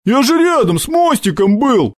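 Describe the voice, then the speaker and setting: A man voicing a hot-headed young henchman who whines and yells in an audiobook. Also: extremely high pitch, sing-song, moderate pace, no echo, studio quality, pitched above the performer's own voice, full character voice. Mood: angry. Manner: whining, shouting threats.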